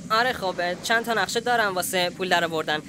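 A man's voice: sits high, bright, forceful tone, a little hiss or hum. A man dubbing an easygoing, scheming young villager in a comedy film, coaxing his friend along. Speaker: dubbing actor. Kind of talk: dubbed comedy film acting.

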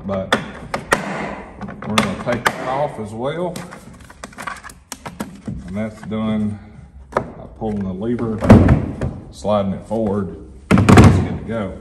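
A man's voice: on the low side, slow, pauses often, very noisy. A middle-aged man giving a casual walkthrough of his tool box in a large, bare shop building, explaining things plainly with a few fillers. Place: large empty shop building under construction, indoors. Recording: echoey empty shop with loud music behind.

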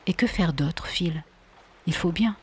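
A woman voicing a proud, mocking teenage girl in a storybook reading, with a breathy voice. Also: lowish voice, a little slow. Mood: teasing. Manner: mocking, worldly-wise. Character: proud teasing teenage girl on a summer beach.

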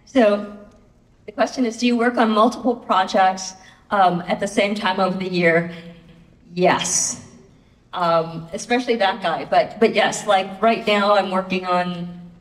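A woman's voice: mid-range voice, steady tone, unhurried. A woman on an author panel, chatting casually with a wry, self-mocking manner and reading out audience questions. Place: school auditorium. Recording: echoey hall, mic from a distance.

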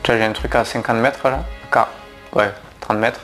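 A man chats through his gameplay session, speaking straight to his viewers and stumbling through fillers and restarts as he goes. His voice sits at an ordinary middle pitch. Faint game music plays quietly underneath. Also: fairly even intonation, moderate pace. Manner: chatty, addresses viewers, frequent fillers and restarts. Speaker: gaming YouTuber. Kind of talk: casual let's-play commentary.

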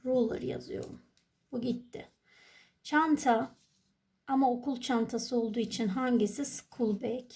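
Turkish woman teacher, high voice. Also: fairly even intonation, a little slow, long pauses, darkish tone. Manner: explains step by step, asking and answering her own questions. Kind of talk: exam walkthrough lesson.

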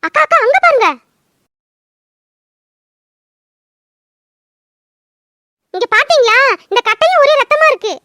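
A woman voicing a cheeky, bossy little girl in a cartoon, who talks in quick, blunt chatter. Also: extremely high pitch, animated, pushed and bright, no room sound, studio quality, full character voice. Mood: alarmed. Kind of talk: cartoon dubbing.

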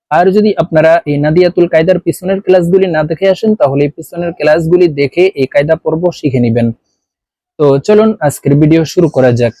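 A man teaching Quran reading letter by letter, slowly drawing out each sound in drills. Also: on the high side, warm tone, dry recording. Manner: slow, drawn-out recitation of letter drills. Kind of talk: recorded lesson.

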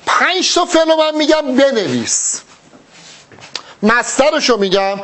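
A man teaching an exam-prep Arabic grammar lesson, talking through each test answer step by step and speaking directly to the student. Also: extremely high pitch. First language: Persian.

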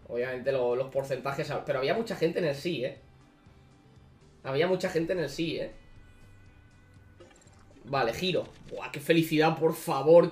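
A young man streams a gacha game, cursing, muttering low and then shouting his pleas. His voice sits a bit high and rings around an echoey room, with faint music playing behind him. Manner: swearing, pleading, swings between muttering and shouting.

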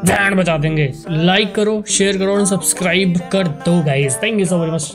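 A high-pitched man hosts a live horror game stream, greeting viewers and reacting energetically as he plays. Faint music runs quietly under his voice. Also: normal speed. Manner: energetic, mixes Hindi with English phrases, greets viewers by name. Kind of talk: live gameplay commentary.

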